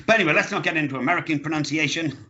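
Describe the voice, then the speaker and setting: A man's voice: fairly high pitch, rapid-fire, sharp tone, lo-fi sound. A man teaching an online lesson, correcting pronunciation and drilling sounds, with opinionated asides. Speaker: English teacher.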